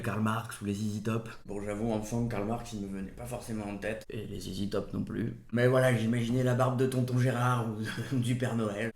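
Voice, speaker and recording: With a lowish, slightly mellow voice, this man reviews food in a casual home vlog at the table. He's playful, punny and delivers mock-solemn verdicts, all heard with a roomy echo.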